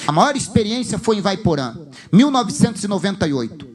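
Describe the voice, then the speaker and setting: A man's voice: high-pitched, sing-song, brisk. A man with a Brazilian accent preaching a sermon as a pastor, telling an emphatic story full of acted dialogue.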